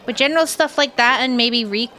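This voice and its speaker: A woman streams in a fairly high voice with faint music behind her. She chats casually and greets viewers in a cute, animated way. Her sentences often end on a conversational "yeah". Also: fairly quick. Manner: habitually tags sentences with a questioning or affirming "yeah"; casual swearing. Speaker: livestreamer. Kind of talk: casual livestream chat with viewers.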